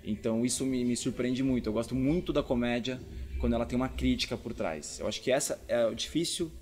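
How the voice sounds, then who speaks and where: A man's voice: mid-range voice, quick pace, a little mellow. A man with a Brazilian accent, a comedian explaining things casually in an interview, repeating words for emphasis. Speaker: stand-up comedian being interviewed.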